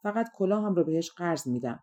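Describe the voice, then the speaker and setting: A woman's voice: on the low side, lively intonation, warm tone, dull audio, close to an everyday voice. A woman voicing a kindly, helpful frog fairy in an audiobook fairy tale, in an eager, fussing manner. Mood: reassuring.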